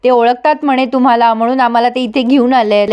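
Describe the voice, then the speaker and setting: A woman's voice: fairly high pitch, steady tone, fast, a little mellow, clear, resonant tone, lightly acted. A woman voicing an angry mother who scolds sharply.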